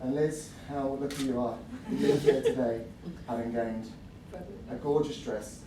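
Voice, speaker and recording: A man in his twenties giving a wedding toast to guests as best man, jokey and a little halting. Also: medium pitch, fairly even intonation. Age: 20s. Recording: roomy, distant mic, noisy venue.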